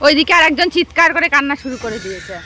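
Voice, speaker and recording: A woman's voice: high-pitched, animated, rapid-fire, sharp tone, slight background noise. A woman vlogging at home with a sore throat from a cold, chatting and talking sing-song to her child. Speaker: vlogger and mother. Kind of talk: casual home vlog. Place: home, indoors.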